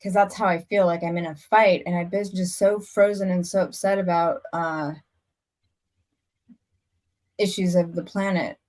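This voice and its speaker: A woman's voice: on the low side, steady tone, normal speed, long pauses, a little mellow. A woman hosting a casual podcast conversation, talking earnestly in long rambling stretches with frequent restarts. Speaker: podcast host. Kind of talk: casual chat.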